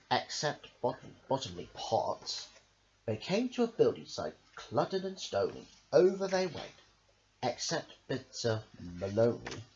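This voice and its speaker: A mid-range, darkish male voice reads rhyming stories for children aloud. This amateur storybook reader favors a rhythmic sing-song and draws out the ends of phrases. The recording sounds dull and lo-fi, with faint background noise.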